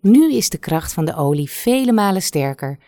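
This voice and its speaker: A woman voicing a wise old village herb woman from a fairy tale, giving calm, firm instructions. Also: lowish voice, dry recording, clean studio sound. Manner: calm, commanding, unhurried.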